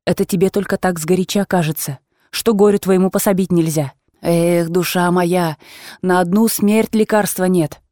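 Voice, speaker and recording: A woman's voice: fairly high pitch, lively intonation, normal speed, a little mellow, no room sound, clean studio sound, natural voice. A woman reading aloud and voicing an agitated, fussy old aunt who scolds and exclaims in a raised voice. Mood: coaxing.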